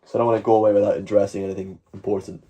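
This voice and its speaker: A man's voice: lowish voice, little pitch movement, rapid-fire, dark tone. A Scottish man chatting casually on a livestream, rambling along with jokey mock-boasting. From Scotland. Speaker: live streamer. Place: at home, moving between outdoors and indoors.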